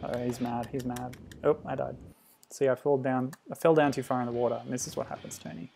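A man casually commenting on a retro game as he plays, thinking aloud with sudden loud exclamations. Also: medium pitch, level tone, fast, vocal fry, slight background noise. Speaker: streamer.

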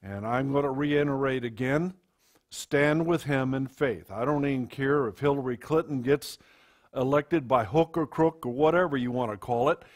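A man preaching a sermon to his congregation into a pulpit microphone, in a halting delivery full of fillers and restarts. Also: medium pitch. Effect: speaking into a pulpit microphone. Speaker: pastor.

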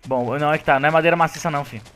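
Male gamer, fairly high voice, rapid-fire, joking at his own expense. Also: fairly even intonation, a bit bright. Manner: joking, self-deprecating, talks to viewers. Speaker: gaming video co-host. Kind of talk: casual gameplay chat.

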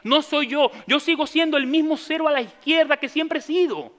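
A man's voice: extremely high pitch, normal speed, a bit bright. A man with a Venezuelan accent preaching a sermon, telling his story with humor and acting out the voices of people he quotes.

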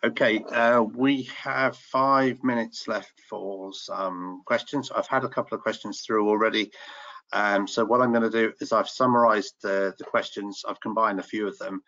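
A man's voice: on the low side, steady tone, moderate pace, sharp tone. A middle-aged man moderating an online panel through a headset on a video call. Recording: slightly dull video-call audio.

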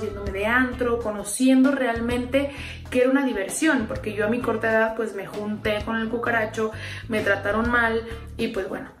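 A young woman with a Mexican accent telling a dramatic storytime in a gossipy, sassy way. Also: on the high side. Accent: Mexican Spanish. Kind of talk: storytime narration. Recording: roomy, distant, faint music.

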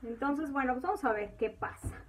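Speaking at a moderate pace in a high-pitched voice, this cooking channel host talks viewers through each step of a recipe in her home kitchen.

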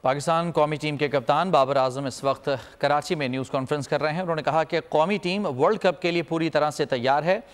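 A male news anchor reading a steady, formal voice-over summary. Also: on the high side, brisk, hardly any pauses, long reverb tail.

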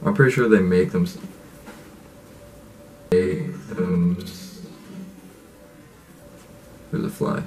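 A man's voice: low-pitched, slow, long pauses, darkish tone, distant mic, soft background music. A young man giving casual commentary as the host of a reaction video, recorded in a bedroom. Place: small bedroom, indoors.

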